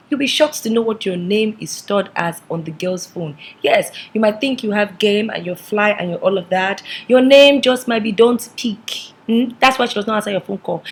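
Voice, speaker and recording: A woman with a Nigerian accent hosts a casual, playful vlog in a hoarse, swallowed voice that sounds partly lost. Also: mid-range voice. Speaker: vlog host. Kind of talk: casual chatty vlog monologue.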